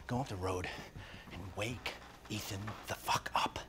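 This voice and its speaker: A man's voice: on the low side, measured pace, in a whisper, natural voice. An actor playing a hard, commanding father who barks curt orders. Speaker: father and gang boss in a film.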